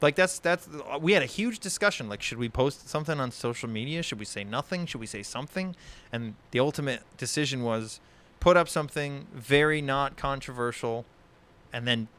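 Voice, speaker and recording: Guy venting on a stream, average pitch, cusses constantly, keeps restarting his sentences. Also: animated, moderate pace, fairly bright tone. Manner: frequent swearing, heated and exasperated; rambling with many restarts. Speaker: podcast host. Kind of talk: casual online discussion stream.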